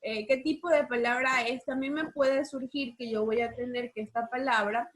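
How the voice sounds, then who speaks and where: Woman, teacher, online class, patient, repeats words slowly, fairly high voice. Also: fairly even intonation. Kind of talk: online class, explaining accent rules.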